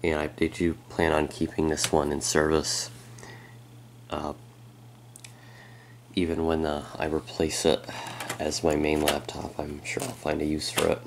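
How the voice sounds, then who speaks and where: A man who is a bit sick, giving a casual, halting walkthrough of his laptop as a tech vlogger. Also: extremely low pitch, monotone, creaky, slight background noise. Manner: halting and unhurried, with frequent pauses. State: sick, with a slightly strained voice. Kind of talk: casual hands-on product walkthrough.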